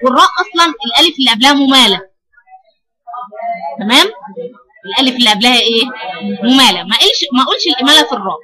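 A quick-speaking Egyptian woman with a high voice leads a recitation class. She keeps firing questions at her students and repeats each key answer back to them. A crowd of chattering voices fills the classroom behind her. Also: animated, low-quality recording. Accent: Egyptian Arabic. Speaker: Quran recitation teacher.

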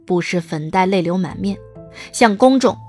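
A woman reading the narration of an audio drama in a smooth, lightly wry storytelling manner. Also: mid-range voice, animated, moderate pace, darkish tone, soft background music.

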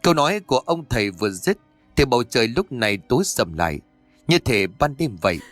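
Steady male horror storyteller. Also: mid-range voice, a little fast, dry recording. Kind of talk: ghost story narration. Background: faint music.

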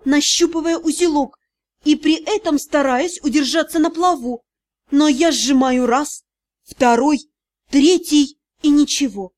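A woman's voice: high voice, a little mellow. A woman reading a first-person fantasy audiobook with a dramatic, emotional delivery. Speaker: audiobook narrator.

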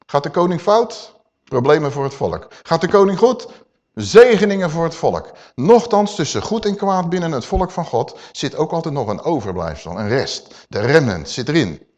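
Man, middle-aged preacher, sermon, questioning listeners, lively intonation. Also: on the high side, normal speed. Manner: animated, addresses the congregation directly with questions.

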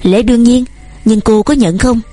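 A woman's voice: fairly high pitch, moderate pace, dark tone, no room sound, close to an everyday voice. A woman voicing an earnest, devoted young man who courts eagerly and speaks at length.

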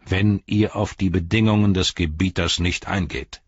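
A man reading an audiobook and voicing a sneering, mocking male herald of a dark lord, with a taunting, gloating manner. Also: sits low, steady tone, normal speed, breathy edge, no echo, lo-fi sound.

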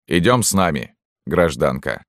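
A man voicing a gruff, soft-hearted army sergeant who grumbles and speaks bluntly. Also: a bass voice, sing-song, measured pace, no room sound, studio quality, full character voice. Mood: rallying.

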